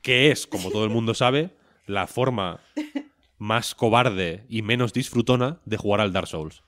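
A man's voice: fairly low pitch, unhurried, fairly bright tone, no room sound, clean studio sound. A man, co-hosting a podcast in casual chat, rambling and joking with a lot of swearing. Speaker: podcast co-host.

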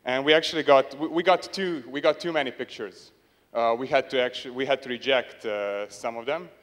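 Holding a mic on a big conference stage, this young speaker talks fairly quickly in a mid-range, fairly bright voice. He's hesitant and dry-witted, filling gaps with many fillers, and the hall's long reverb trails his words.

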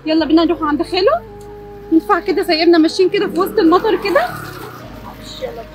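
A woman's voice: very high voice, racing, soft background music. A woman with an Egyptian accent playing a distraught young mother thrown out by her husband, lamenting tearfully.

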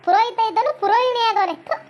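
A woman plays a furious wife who scolds and hurls insults. Her voice is very high and quick, and a faint hiss of noise sits behind her. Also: dull audio. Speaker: comedy skit actress playing an angry wife.

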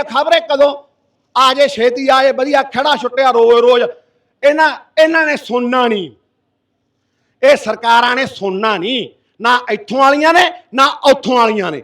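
Fiery, high-voiced Punjabi man orating. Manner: impassioned, forceful, roaring. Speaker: activist addressing a protest gathering. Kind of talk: fiery public speech. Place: village protest sit-in. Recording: voice from far off the mic.

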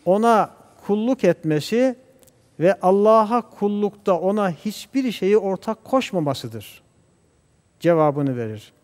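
A man speaking as a guest scholar on a religious TV program, talking in a measured, preacher-like way and reciting Arabic verses. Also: sits high, darkish tone, big-room sound. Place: TV studio.

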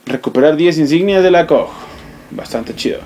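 A young man with a Mexican accent giving excitable, swear-filled let's play commentary, yelping and exclaiming as he plays. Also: a little high, moderate pace. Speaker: gamer.

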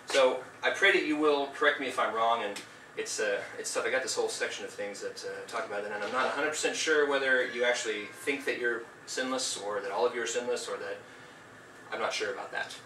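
A man's voice: medium pitch, a little fast, bright, forceful tone, a little hiss or hum. A man giving a formal debate statement in an earnest, preachy, rebuking way. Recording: echoey room, distant mic, faint ambience.

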